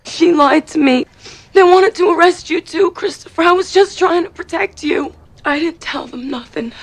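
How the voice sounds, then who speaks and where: A woman's voice: very high-pitched, normal speed. An actress playing a frightened, pleading young woman in an emotional television drama. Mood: anxious pleading. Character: frightened, pleading young girlfriend confessing to her boyfriend.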